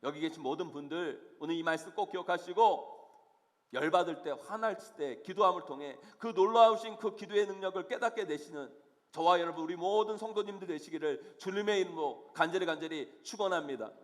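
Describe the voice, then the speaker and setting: A man's voice: high-pitched, a little fast. A male senior pastor preaching a sermon in a church sanctuary, earnest and emphatic, with many questions to the congregation. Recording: long reverb of a church hall.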